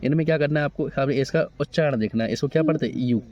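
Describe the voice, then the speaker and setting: A man's voice: mid-range voice, racing, a little mellow. A male coaching teacher walking a class through an exam paper, asking questions and checking with the students as he goes. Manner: explains in question-and-answer style, checks with students.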